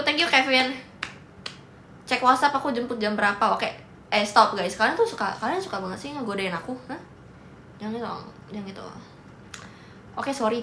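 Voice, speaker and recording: A woman's voice: medium pitch, sharp tone. A young woman, hosting a casual livestream, reading and answering comments in a playful, teasing way and mixing in English. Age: young adult. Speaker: livestream host. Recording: echoey room with faint noise.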